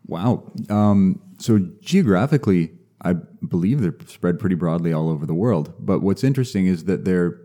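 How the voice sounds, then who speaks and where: A young man, a mycologist guest, talking casually and explaining things in a measured way with some restarts. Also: low-pitched, mellow. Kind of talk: casual podcast interview.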